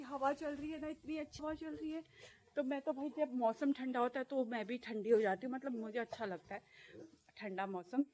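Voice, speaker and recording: A woman's voice: high-pitched, fairly even intonation, moderate pace, mellow. A woman vlogging casually to her viewers, chatty and playful, rambling from topic to topic outdoors at her home garden.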